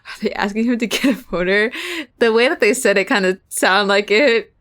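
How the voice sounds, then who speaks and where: A young woman reads a visual novel aloud on stream, animated and giggly, swearing freely as she goes. Her voice is mid-range and she speaks at normal speed.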